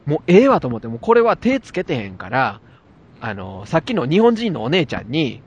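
A man with a Kansai accent telling an animated anecdote in casual chat. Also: a little high, fairly quick, breathy edge. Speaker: storyteller.

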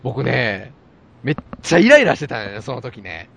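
A man with a Kansai accent telling an animated anecdote in casual chat. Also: medium pitch, normal speed, gravelly. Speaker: storyteller.

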